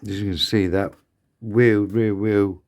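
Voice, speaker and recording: A man's voice: on the low side, steady tone, slow pace. A man building a scale model kit, mumbling and thinking aloud to himself in a casual commentary to his viewers.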